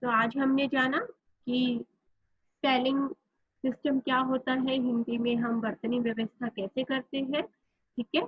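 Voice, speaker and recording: Woman teacher, high and slightly husky, slow and methodical, spells words out letter by letter, dry lo-fi recording. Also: flat delivery, dry recording. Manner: explains step by step, often says "theek hai". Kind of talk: Hindi grammar lesson.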